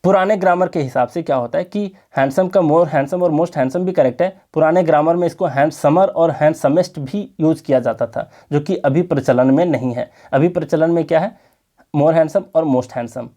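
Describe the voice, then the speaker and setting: A man teaching an exam-prep English grammar lesson in Hindi, explaining slowly and checking in with his students. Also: a little high, mellow.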